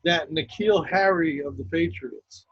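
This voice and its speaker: A man's voice: a little high, slow pace, breathy edge, lo-fi sound. A man co-hosting a sports talk show, blunt and teasing, swearing freely. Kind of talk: casual sports chat.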